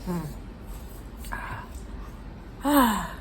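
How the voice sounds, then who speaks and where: A woman's voice: mid-range voice, lively intonation, very slow, fairly bright tone, a little hiss or hum. An American woman telling a casual, chatty, self-deprecating story to viewers while eating, her mouth sometimes full. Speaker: mukbang vlogger telling stories.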